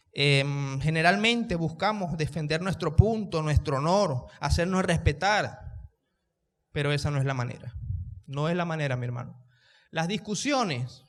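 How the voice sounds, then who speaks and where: A man's voice: fairly high pitch, long reverb tail. A male pastor, preaching a sermon, raising his voice so the room can hear him and putting questions to the congregation. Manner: raises his voice to reach the room. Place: church.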